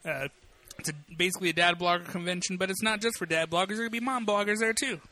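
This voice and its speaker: A man's voice: sits high, very fast, sharp tone. A man co-hosting a podcast in casual chat, rambling with lots of fillers. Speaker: podcast co-host.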